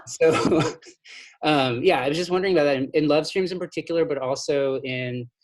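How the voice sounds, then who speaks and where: A man's voice: on the high side, normal speed. A man moderating a talk on a video call, out of breath, asking questions in a hesitant way as he searches for words. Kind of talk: casual conversation.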